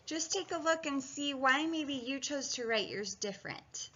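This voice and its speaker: Woman teacher doing a phonics video, sounds out syllables, unhurried, kinda high voice, muffled lo-fi audio. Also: lively intonation, sharp tone. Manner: encouraging, chatty, thinking aloud. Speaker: reading and spelling teacher. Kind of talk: video phonics lesson, talking students through steps. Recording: dull lo-fi sound.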